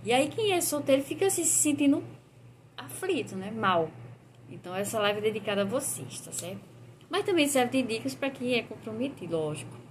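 A woman's voice: fairly high pitch, sing-song, a little fast, slight background noise. A woman with a Brazilian Portuguese accent hosting a live stream, chatting casually with viewers and reviewing perfumes with frequent tag questions.

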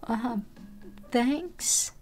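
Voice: mid-range voice, very slow, a little mellow, faint music behind, pitched above the performer's own voice. A creator using a voice changer to play a shy, hesitant fifteen-year-old decoy who stammers and trails off. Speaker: host posing as a teen.

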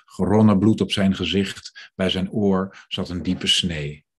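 Man reading a novel aloud, deep voice, husky tone, measured and steady. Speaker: author reading his novel. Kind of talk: literary reading.

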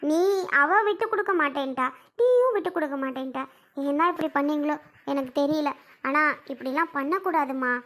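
A caring but stern aunt from a family drama skit, played by a woman in a very high, thin voice. She scolds and comforts in the same breath, with blunt, homely talk. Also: brisk, fairly bright tone. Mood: scolding. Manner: scolding, comforting, in colloquial speech.

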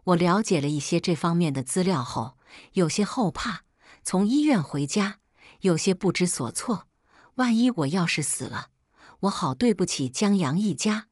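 A woman's voice: lowish voice, lively intonation, normal speed, darkish tone, no echo, clean studio sound. A woman narrating a first-person family story in an emotional, melodramatic reading.

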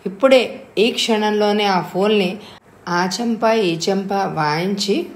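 A woman voicing a headstrong, moody young woman who talks boldly and flares up quickly. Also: medium pitch. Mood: indignant. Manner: bold, quick-tempered. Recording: echoey room.

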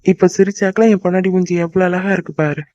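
A man voicing a fast-talking cartoon husband. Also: high voice, fairly even intonation, dark tone, no echo, lo-fi sound, natural voice. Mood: calm. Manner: fast, scolding then soothing. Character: young husband, fretful but soothing.

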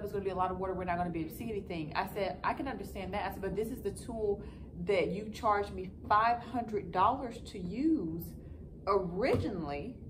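A woman in her thirties with a mid-range voice vlogs a customer review, giving her followers a casual, frustrated, matter-of-fact update. She's indoors in a school classroom, a few feet from the camera, so the sound has a phone-like room distance with clearly audible background noise.

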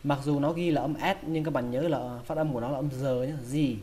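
A man's voice: mid-range voice, steady tone, mellow, slight background noise. Vietnamese man teaching English pronunciation. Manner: slow, repeats each word several times. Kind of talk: pronunciation lesson.

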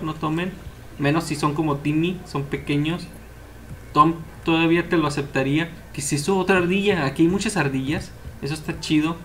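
A young man giving casual, excitable let's-play commentary as he plays, cheering on the characters. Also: fairly high pitch, a little hiss or hum. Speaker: gameplay commentator.

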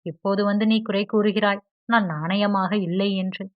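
A woman's voice: mid-range voice, fairly even intonation, normal speed, no room sound, natural voice. A woman reading the lines of a hurt, proud young woman in an audiobook, with a plain, earnest delivery. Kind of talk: audiobook character dialogue. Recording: dry, slightly dull audio.

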